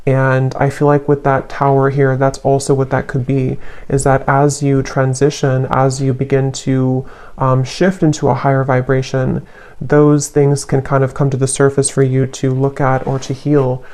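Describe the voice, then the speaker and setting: A tarot reader giving a card reading, unhurried and searching for words, with many soft fillers. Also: mid-range voice, completely flat delivery.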